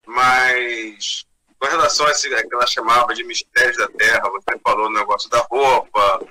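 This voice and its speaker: A man's voice: mid-range voice, steady tone, normal speed, sharp tone, rough recording. A man interviewing someone, asking questions in a conversational way.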